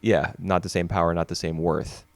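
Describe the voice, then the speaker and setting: Low-voiced man discussing films. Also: flat delivery, moderate pace, vocal fry, dry recording. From United States. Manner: hesitant, restarts often, chatty. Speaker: podcast co-host. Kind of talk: casual film discussion.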